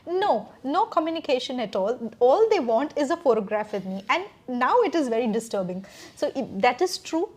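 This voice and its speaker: Brief: female podcast host, fairly high voice, easygoing and encouraging. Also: big pitch swings, moderate pace, darkish tone, breathy edge. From India. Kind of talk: casual conversation.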